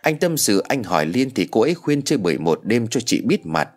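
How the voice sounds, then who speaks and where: A male narrator tells an audio story in a lowish, animated voice with plenty of melody. His delivery is expressive, and faint music plays behind him. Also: a little fast. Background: soft background music.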